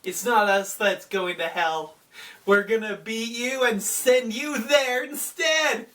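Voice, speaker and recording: A man's voice: sits high, slow, bright, forceful tone, pitched above the performer's own voice, full character voice. A man voicing a determined young male demon slayer, earnest and defiant. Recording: voice distant from the mic.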